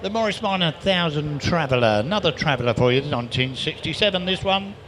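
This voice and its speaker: A man's voice: a little high, animated, a bit bright. A man with an English accent working as an auctioneer, giving a live auction patter with repetitive bid calls and chatty asides. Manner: rapid repetitive calling of bids, chatty asides. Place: live car auction, amplified to bidders. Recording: live auction sound with clear background noise.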